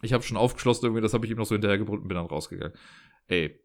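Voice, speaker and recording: A man's voice: on the low side, racing. A man telling a story in a chatty, exasperated rant from his living room, often tagging his sentences with a questioning "ne?".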